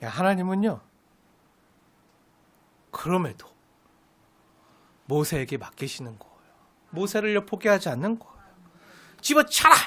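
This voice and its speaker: A woman's voice: on the low side, sing-song, normal speed, pauses often. A woman pastor preaching an expository sermon, asking the congregation questions and answering them herself, with emphatic stress on key words.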